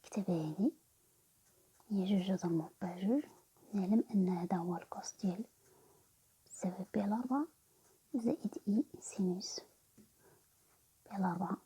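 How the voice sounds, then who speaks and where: A woman with a Moroccan Arabic accent teaches math in a quick, whispered delivery. Her voice is very breathy and airy, with a deep, mellow darkness to it. She walks through each step one at a time. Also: low-quality recording. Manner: whispers nearly every line, explaining step by step.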